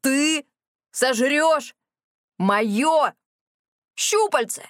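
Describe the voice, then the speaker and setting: A woman's voice: lowish voice, steady tone, moderate pace, dry recording, studio quality, close to an everyday voice. A woman voicing a whiny, sulky male kraken who over-dramatizes every complaint. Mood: shrill, horrified. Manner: whining, theatrical complaining.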